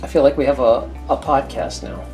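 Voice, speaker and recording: A woman's voice: extremely low pitch, animated, a little fast, warm tone, faint music behind. A woman hosting a cooking video from her home kitchen, chatting in a rambling, storytelling way as she cooks. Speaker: cooking channel host. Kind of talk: casual chat while cooking.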